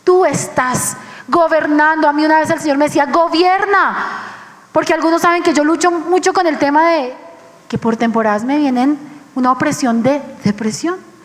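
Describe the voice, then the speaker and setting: Preacher, Colombian woman, high voice, impassioned delivery, long echo of a church hall. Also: fairly quick. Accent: Colombian Spanish. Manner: impassioned, acts out quoted voices. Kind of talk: sermon.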